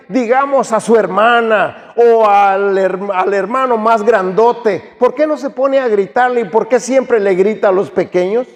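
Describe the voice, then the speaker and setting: A middle-aged man, preaching an earnest sermon and addressing his listeners as dear brother. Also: high-pitched. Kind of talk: sermon testimony. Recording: long hall reverb.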